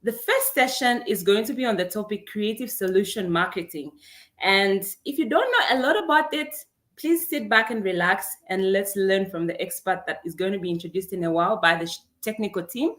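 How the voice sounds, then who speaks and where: Animated and fairly quick, this medium-pitched, slightly bright voice belongs to a young Zambian woman hosting a career webinar on a video call. Upbeat and welcoming, she reads names from the chat aloud to greet each attendee.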